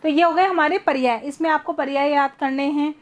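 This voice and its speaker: High-voiced woman teacher explaining patiently. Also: fairly even intonation, brisk. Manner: patient, explains step by step, asks students questions. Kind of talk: online class lesson.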